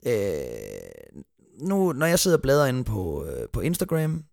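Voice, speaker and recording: A man's voice: medium pitch, huge pitch swings, creaky, a little mellow, no echo, clean studio sound. A Danish man chatting casually as a podcast co-host, blunt and mildly sweary, often repeating words as he rambles toward a point. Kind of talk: casual chat.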